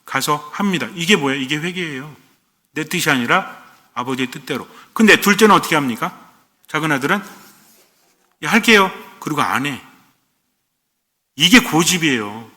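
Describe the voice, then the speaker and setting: Bright-voiced priest preaching in a hall. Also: male voice, a little high, expressive, normal speed, pauses often. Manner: asks the congregation questions and answers them himself; acts out short quoted lines. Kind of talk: sermon. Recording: long hall reverb.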